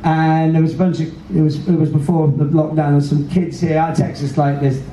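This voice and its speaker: A British man hosts from a theater stage as a cruise director, speaking with emotive, earnest emphasis. His voice sits high for a man and has a soft, mellow tone. It comes through a roomy PA, picked up from far back in the hall. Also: little pitch movement, brisk. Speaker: cruise director hosting a veterans' event. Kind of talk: live stage address to an audience. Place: large indoor theater stage. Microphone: handheld mic, filmed from the audience. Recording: roomy theater PA heard from afar, faint noise.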